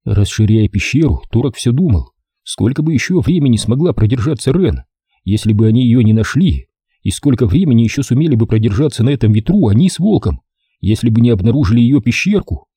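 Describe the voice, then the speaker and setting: A man narrating an audiobook in an expressive, lively storytelling manner. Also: medium pitch, fairly quick, breathy edge, dry recording, studio quality.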